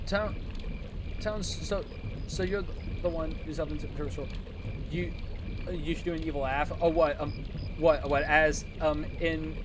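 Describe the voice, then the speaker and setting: Low-key rambling gamer commentary. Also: fairly even intonation, unhurried, long pauses, background noise. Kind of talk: casual let's-play commentary.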